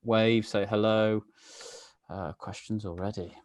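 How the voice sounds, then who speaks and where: A man's voice: on the low side, steady tone, slow, a little mellow, no room sound. A man hosting a live online meetup, chatty and full of fillers, greeting viewers by name over a video call. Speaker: webinar host. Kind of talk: casual live-stream chat.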